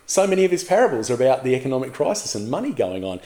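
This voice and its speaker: A man preaching a sermon as a pastor, telling the story in a lively way and putting questions to the congregation. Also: mid-range voice, racing, roomy sound.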